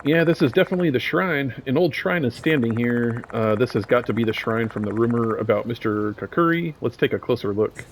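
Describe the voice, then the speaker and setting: A man's voice: medium pitch, expressive, brisk, hardly any pauses, a little hiss or hum. A young man casually playing a horror game, reading its text aloud and joking with slang between lines. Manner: casual, joking, says "dude" and "bro". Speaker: gameplay streamer.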